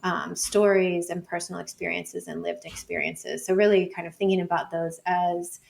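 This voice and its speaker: A professor of urban studies and planning, appearing as a guest on an interview show, talks through her field thoughtfully and loosely, hedging with "like" and "sort of." Her voice is lowish, gravelly and a little mellow, with a level tone and a moderate pace.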